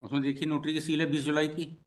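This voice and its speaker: A man presiding as a judge in a courtroom hearing, questioning sternly and dictating orders slowly. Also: a little high, flat delivery, low-quality recording.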